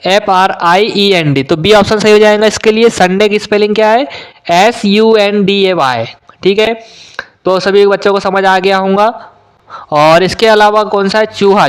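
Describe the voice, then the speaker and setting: High-voiced man solving an exam paper. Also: clean tone. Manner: explains step by step, often pausing with "uh". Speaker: teacher. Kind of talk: exam solution walkthrough.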